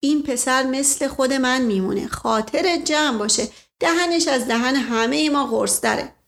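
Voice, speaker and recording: A woman's voice: high voice, fairly bright tone. A woman voicing a flirtatious, blustering middle-aged nobleman who talks theatrically and keeps exclaiming "momento". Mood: indignant.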